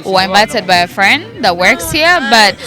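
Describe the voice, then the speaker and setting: A woman in her twenties, answering questions in a casual interview at an outdoor party, relaxed and quick to laugh. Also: mid-range voice. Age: 20s. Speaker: event guest. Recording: loud party music and crowd chatter.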